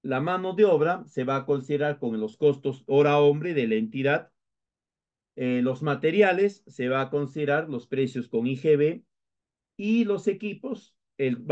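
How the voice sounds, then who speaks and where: A man's voice: fairly high pitch, moderate pace, darkish tone. Peruvian man lecturing, muffled recording. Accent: Peruvian Spanish. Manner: explanatory, with frequent hesitations and restarts. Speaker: instructor.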